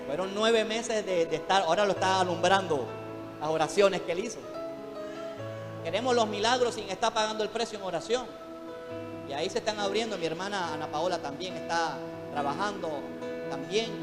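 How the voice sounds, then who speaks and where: High-voiced fervent preacher man, echoing church. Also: moderate pace, long pauses. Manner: fervent preaching, calling to the congregation. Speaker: pastor. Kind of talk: sermon. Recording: long hall reverb, faint music behind.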